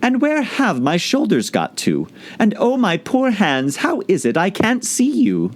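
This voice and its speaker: A little girl from a storybook, performed by a male reader in a raised, lilting pitch. She sounds prim and earnest, with polite bewilderment that readily tips into indignation. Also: wildly swooping pitch, a little slow, heavily acted. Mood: bewildered. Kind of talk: storybook character voice.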